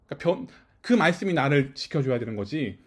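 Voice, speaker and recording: A male pastor with a slightly raised voice that swings widely up and down as he preaches. He talks in a loose back-and-forth with a small house-church gathering, often pausing to ask whether they follow. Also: a little high, very animated, husky. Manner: keeps checking with listeners, asking if they follow. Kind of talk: conversational sermon.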